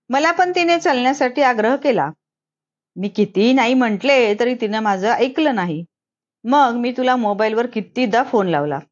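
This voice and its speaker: A woman's voice: a little high, lo-fi sound. A woman reading a storybook, voicing a teenage girl who tearfully pleads with her mother.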